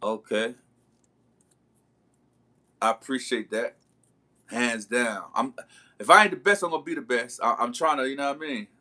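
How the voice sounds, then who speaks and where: A man's voice: mid-range voice, moderate pace, pauses often, sharp tone. A man livestreaming, telling a long story in casual slang and calling out to his viewers. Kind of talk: casual storytelling to a live chat.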